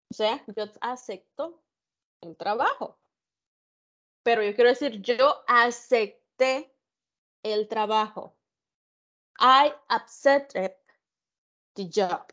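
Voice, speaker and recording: A woman teaching an online grammar lesson, her voice sitting a little high. She talks very slowly and carefully, checking in with her students as she goes. The sound is muffled and lo-fi, as from a computer mic. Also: a bit bright. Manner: slow, careful explaining with examples and questions. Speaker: English tutor. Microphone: computer mic on an online class.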